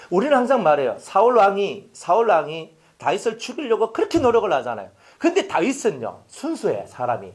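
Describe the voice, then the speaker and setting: Animated pastor. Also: male voice, sits high. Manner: animated, swings from loud to hushed, rhetorical questions to congregation. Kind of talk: sermon. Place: church sanctuary.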